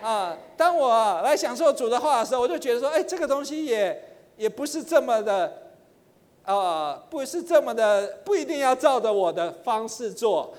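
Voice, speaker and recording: A middle-aged man teaching in church, chatty with many fillers, slowing into chanted prayer. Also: very high voice, big pitch swings. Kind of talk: sermon teaching. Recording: long hall reverb.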